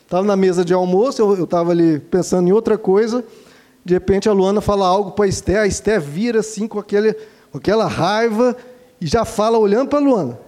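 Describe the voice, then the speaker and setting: A man with a fairly high voice gives earnest parenting advice as a father. His tone is gentle and instructive, and he speaks fondly to his listeners. His voice has a warm, mellow timbre. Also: fairly quick. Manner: gentle and didactic, calls listeners "dear ones".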